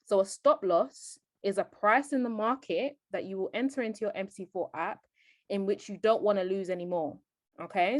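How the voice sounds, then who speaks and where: A woman's voice: medium pitch, no room sound, studio quality. Woman narrating a screen recording. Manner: explanatory, keeps checking in with "okay?". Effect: voice-over on a screen recording. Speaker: trading tutor. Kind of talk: live tutorial narrated over a screen recording.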